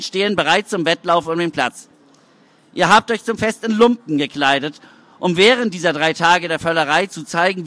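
A man's voice: high voice, a bit bright, no echo, voice pushed up. A man reading aloud, voicing a smug mayor giving a public speech. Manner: oratorical, smug. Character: slick older male mayor giving a speech.

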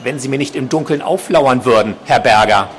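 A man's voice: mid-range voice, fairly quick, a little hiss or hum, close to an everyday voice. A man voicing a frightened but composed female nurse who speaks firmly, while reading from his novel. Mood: tense firm. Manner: firm, controlled.

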